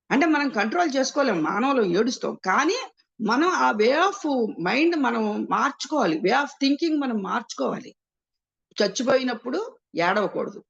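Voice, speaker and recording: A woman's voice: a little high, vocal fry. A woman explaining scripture, asking and answering her own rhetorical questions and mixing English words into her speech. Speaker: spiritual teacher. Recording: muffled lo-fi sound.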